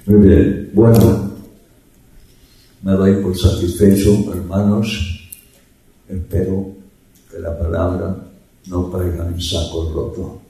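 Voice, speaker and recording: A male preacher tells his congregation a story in an unhurried, conversational way. His voice is low and mellow. He sits some distance from the microphone, and the church hall echoes heavily around him. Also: flat delivery. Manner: slow, conversational preaching with illustrative stories. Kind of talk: sermon.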